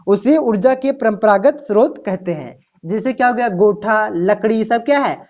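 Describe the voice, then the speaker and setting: A woman's voice: fairly high pitch, darkish tone. Teacher lady w going over exam answers, keeps asking her own questions, muffled lo-fi audio. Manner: explains with rhetorical questions, repeats "ठीक ना" and "प्यारे बच्चों". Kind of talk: exam-prep lesson. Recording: dull lo-fi recording.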